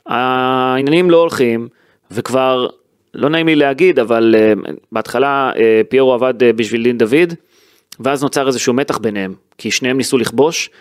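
A man's voice: mid-range voice, smooth, no room sound. Man analysing football, dry close sound. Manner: animated, thinks aloud with fillers and restarts. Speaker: sports podcast host. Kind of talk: casual football analysis chat.

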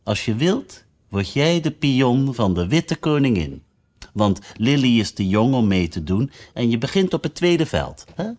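A man voicing a brisk, bossy queen who shouts high commands and tacks on chatty tag questions. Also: very animated. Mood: kindly.

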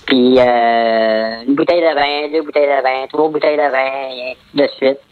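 A man calling into a talk show, his voice run through a modifier that disguises it. He speaks, slowly and hesitantly, full of pauses. The sound is dull and dry, with no room around it. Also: medium pitch, fairly even intonation, clear, resonant tone, no echo. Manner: hesitant, many filler pauses. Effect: electronically altered disguising voice. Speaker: caller. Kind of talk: confessing on a call-in talk show.

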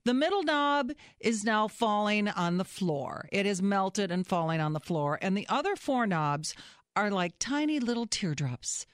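A woman's voice: medium pitch, a little slow, no room sound. Middle-aged woman, casual storyteller, self-mocking, acts out the big moments, dry close sound. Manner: animated, self-mocking storyteller who acts out her own shouts.

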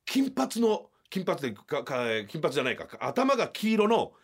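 A middle-aged man hosting a podcast from a small radio studio, telling a comedy story and acting out the people in it with loud, shouted bursts. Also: big pitch swings, normal speed. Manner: acts out quoted shouting with big pitch jumps. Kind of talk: animated storytelling.

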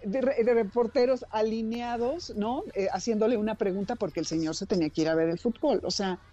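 A woman's voice: on the high side, a little fast, dull audio. A woman with a Mexican Spanish accent, a radio broadcaster telling anecdotes in casual chat and acting out the people in them. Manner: animated storyteller who acts out quoted voices.

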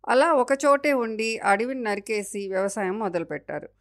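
A woman's voice: on the high side, normal speed, close to an everyday voice. A woman voicing the forest as a caring, motherly spirit in a storybook tale, explaining things patiently. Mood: telling. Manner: explaining patiently, sometimes angry.

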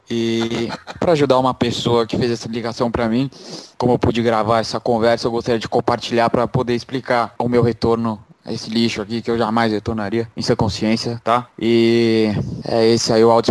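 A man's voice: mid-range voice, no room sound. A Brazilian man hosting a podcast, acting out a comedy phone call in a brusque, insulting manner. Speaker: podcast host.

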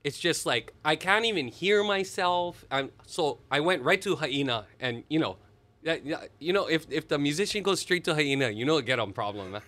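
A man, a musician telling stories in an animated, expressive way during an interview. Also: on the high side, moderate pace. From Hawaii. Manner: animated, expressive storyteller with sudden laughs. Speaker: musician guest. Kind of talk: casual storytelling interview.

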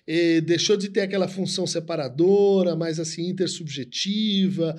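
A man's voice: a little high, fairly even intonation, moderate pace, a little mellow. A man, co-hosting a conversation and explaining concepts in a lecturing way, often tagging sentences with a questioning "right?". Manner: lecturing, frequent "né?" tags.

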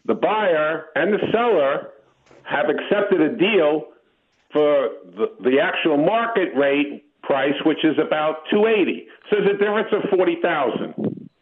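A man calling in to a radio show, heard over the phone, slowly and carefully explaining a question. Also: on the high side, lively intonation. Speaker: caller. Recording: tinny phone line.

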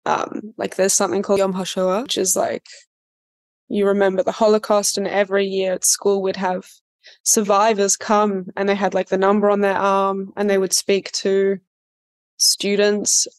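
A young woman in her mid-twenties chatting in an interview. She speaks loosely and warmly, circling back with fillers and restarts, and laughs easily between thoughts. Her voice sits at an ordinary middle pitch. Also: little pitch movement, moderate pace. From Australia. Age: 20s. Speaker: actor being interviewed. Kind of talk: casual interview chat.

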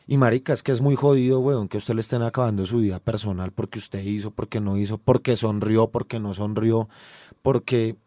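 A man on a sports talk show lays out explanations and drops casual slang as he talks. His voice is warm and dark in tone, and it is recorded dry and close. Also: fairly low pitch, steady tone, a little fast, dry recording. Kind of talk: casual football debate.

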